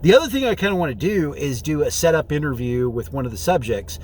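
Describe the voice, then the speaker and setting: A man's voice: on the high side, animated, fast talker, darkish tone, slight background noise, poor audio. A man chatting casually and rambling through a vlog, recorded on a phone from inside a car. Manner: rambling, informal. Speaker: vlogger. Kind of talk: casual vlog chat, thinking aloud. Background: faint vehicle ambience.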